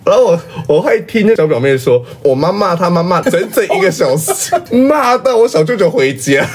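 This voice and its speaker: Guy cohosting, laughs a ton, acting out everyone's lines, pitch all over. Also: a little fast. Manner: animated storyteller, laughs often, acts out family quotes. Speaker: podcast co-host. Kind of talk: casual chat.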